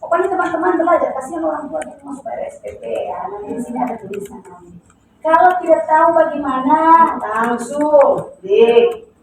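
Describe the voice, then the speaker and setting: High-voiced woman teaching in an echoey classroom. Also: slight background noise. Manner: lively, repeats words with drawn-out stress. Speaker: English teacher. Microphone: distant room recording. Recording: echoey classroom recorded from far off.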